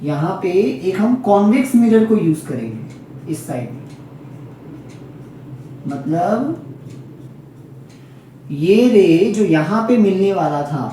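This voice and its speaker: A man's voice: sits high, expressive, slow pace, long pauses, mellow, very echoey, distant mic, a little hiss or hum. A man teaching a physics lesson aimed at exams, who repeats key points and keeps checking in with his students. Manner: repetitive, checks in often with students. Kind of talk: exam-focused classroom lesson.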